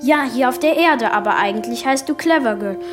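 A woman's voice: high voice, animated, music in the background. A jittery boy superhero. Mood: explaining. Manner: stammering, talks fast and rambles when nervous. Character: jittery boy superhero, Angstmän, nervous and rambling. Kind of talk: children's radio play.

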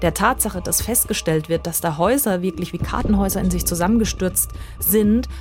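A woman reporter explaining events in a relaxed conversational way, using everyday examples from her own life. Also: lowish voice, fairly quick, faint music behind. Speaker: foreign correspondent guest. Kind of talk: conversational podcast interview.

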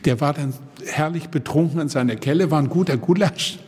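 A man around seventy from Germany's Baltic coast, a guest telling lively anecdotes in conversation and acting out the people in them. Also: on the high side, brisk, husky, big-room sound. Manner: lively storyteller who acts out the people in his stories. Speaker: guest, organ builder.

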